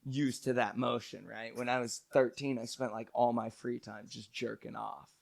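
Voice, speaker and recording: A man guesting on a comedy podcast, joking crudely with a deadpan delivery. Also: mid-range voice, normal speed, gravelly. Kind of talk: casual chat.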